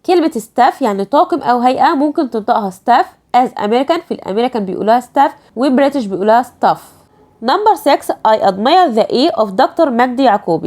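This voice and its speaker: A woman English teacher with an Egyptian Arabic accent, reading English exam items slowly and explaining them quickly in Arabic. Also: a little high, a little mellow. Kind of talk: exam review lesson.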